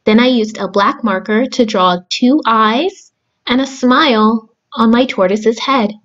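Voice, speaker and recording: A young adult woman speaking to children in simple, deliberate phrases, as a storyteller and craft host. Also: fairly high pitch, fairly bright tone, lo-fi sound. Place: small room at home, indoors.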